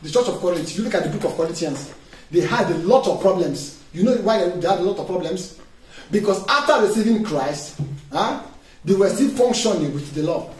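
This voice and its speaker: Recorded from afar in a reverberant room with a little noise, a man preaches animatedly and a bit quickly. His pitch sits high and his tone is slightly mellow as he throws forceful questions to the congregation for them to answer back.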